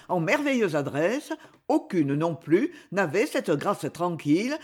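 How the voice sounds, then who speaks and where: Audiobook narrator reading a classic novel, lively, swoopy intonation. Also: medium pitch, slightly rough. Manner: expressive, lively storytelling.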